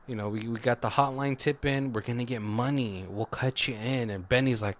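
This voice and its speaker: A man's voice: mid-range voice, steady tone, brisk. A man co-hosting a podcast, animatedly retelling a film plot and acting out the characters' lines. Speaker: podcast co-host. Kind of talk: casual movie recap chat.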